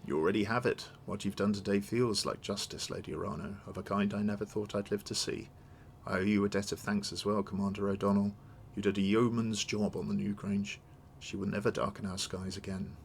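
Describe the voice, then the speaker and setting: Man playing a grave older lord, low-pitched. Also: level tone, a little fast, gravelly, slight background noise. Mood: grateful, solemn. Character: grave, courteous older nobleman. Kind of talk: read-aloud of video game dialogue.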